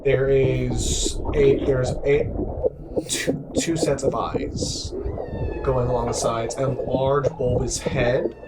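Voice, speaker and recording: A man acting as game master, narrating a tabletop game in a measured, descriptive way. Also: mid-range voice, little pitch movement, very noisy.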